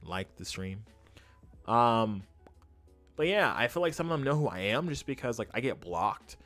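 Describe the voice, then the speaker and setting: A man hosts a casual livestream with faint music in the recording. His pitch moves around a lot as he makes his points. He speaks emphatically and opinionatedly, often saying a phrase twice to drive it home. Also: very animated, moderate pace, fairly bright tone. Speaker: YouTube host and streamer.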